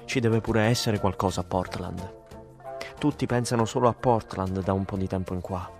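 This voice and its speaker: A man's voice: deep voice, normal speed, over music. Donna, a man doing a weary, subdued young woman. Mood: musing.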